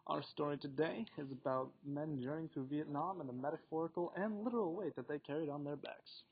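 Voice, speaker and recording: A teenage boy hosts a student book podcast, reading his scripted questions in a formal, slightly theatrical manner. His voice sits on the high side and moves a little fast. The lo-fi recording sounds dull, with faint noise underneath.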